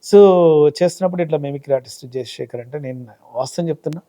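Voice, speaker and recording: A man's voice: mid-range voice, rapid-fire. A man in his thirties from Telangana, a comedian and mimicry artist, telling his story in a casual interview. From Telangana, India. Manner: animated storytelling, acts out quoted voices.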